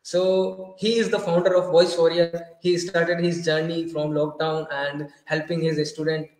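Male show host, high-pitched, earnest, sounds recorded in a reverberant room. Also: little pitch movement, a little slow, a little mellow. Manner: earnest, grateful, repeats and restarts in non-native English. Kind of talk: casual online interview.

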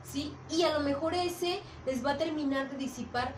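A woman gives a recorded lesson for young pupils in a high voice, often checking in with them as she goes. She sounds set back from the mic in an echoey room, with a faint hiss underneath. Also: moderate pace, far from the mic. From Mexico. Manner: patient, checks in with "¿ok?" and "¿sale?". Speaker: primary school teacher. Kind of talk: recorded video lesson for children.

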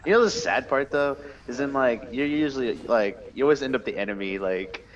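Talking fairly quickly in a mid-range voice, this young gamer rambles and complains with lots of swearing while playing online. He tells stories in a casual chat as the game goes on. The audio sounds dull.

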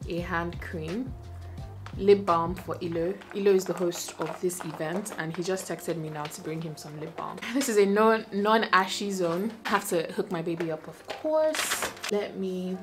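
A young woman, chatting to the camera in her bedroom while getting ready, thinking aloud about her outfit. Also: fairly low pitch. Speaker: lifestyle vlogger. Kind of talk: casual chat to camera. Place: bedroom indoors. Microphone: camera close up.

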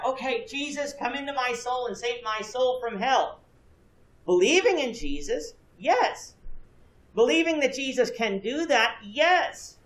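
His voice is very high-pitched with a fairly bright tone. He is a man in his thirties leading a church Bible class beside a projection screen, earnestly explaining and quizzing students, heard echoey from a far camera without a visible mic.

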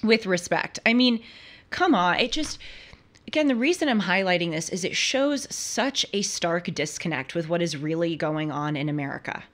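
A woman's voice: fairly low pitch, lively intonation, normal speed, fairly bright tone. A young woman in her twenties hosting a studio talk show, giving emphatic, argumentative commentary with frequent restarts. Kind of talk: opinion commentary. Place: studio with purple lighting.

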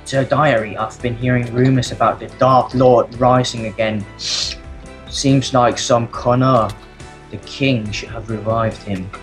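A man voicing a sad, lonely blacksmith's diary in a game role-play, halting and theatrical. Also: mid-range voice, fairly even intonation, faint music behind, natural voice. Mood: confiding, troubled.

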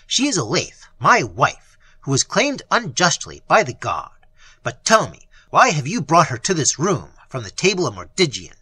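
A man's voice: a little high, wildly swooping pitch, moderate pace, sharp tone, husky, no room sound, full character voice. A man voicing a bold, furious young traveller who speaks curtly and defiantly. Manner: curt, defiant.

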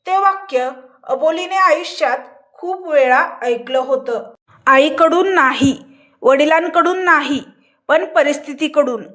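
Slow high-voiced woman narrator. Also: a bit bright. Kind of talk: scripted narration.

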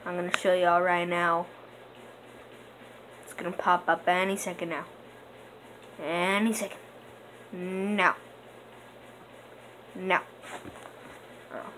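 A young woman talks through her gameplay slowly and loosely, with a slightly low voice. She wanders between thoughts with lots of fillers. Clear background noise runs under the recording. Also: low-quality recording. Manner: rambling and hesitant, with many fillers; bursts into excited gasps during play. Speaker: gaming channel host. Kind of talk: casual gameplay commentary.

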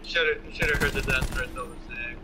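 A man's voice: mid-range voice, steady tone, a little fast. A young man in casual gaming banter, ranting crudely and swearing over voice chat. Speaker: gamer in party chat. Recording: noisy game voice chat with background hum.

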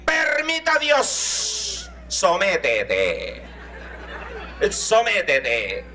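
A man's voice: high voice, huge pitch swings, drawn-out words, bright, forceful tone, soft background music, full character voice. A man voicing a stern small-town mother, drawing out threats of a beating in a comic story. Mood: threatening.

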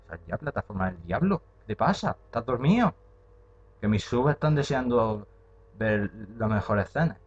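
Young man, horror game reactor; jumpy, swearing, very lively pitch, dull home mic. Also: breathy edge. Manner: jumpy and excitable, swearing, muttering to himself. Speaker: gaming channel host.

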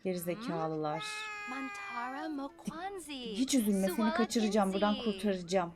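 A young woman streaming a life-sim game, chattering excitedly, scolding the characters and swinging from mutters to shouts. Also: medium pitch, normal speed, a crowd in the background. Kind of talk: live gameplay commentary.

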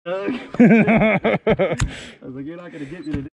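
Animated man fishing from a boat. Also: high-pitched, measured pace, gravelly, narrow, tinny audio, crowd noise. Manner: joking, teasing banter with his partner. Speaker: fishing vlogger. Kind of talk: casual chat while fishing. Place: outdoors on a fishing boat on a lake. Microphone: action camera.

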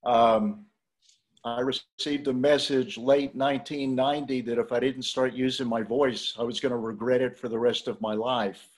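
A man's voice: medium pitch, fairly even intonation. A man who teaches voice and sound work, introducing himself earnestly on a video call. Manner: unhurried, earnest.

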